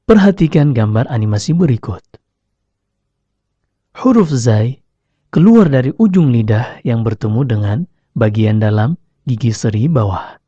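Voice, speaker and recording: Slow, measured male lesson narrator. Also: medium pitch, animated, dark tone, husky, no echo. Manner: slow, deliberate, demonstrates each sound. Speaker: Quran recitation teacher. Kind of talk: scripted instructional narration. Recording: dry, slightly dull lo-fi recording.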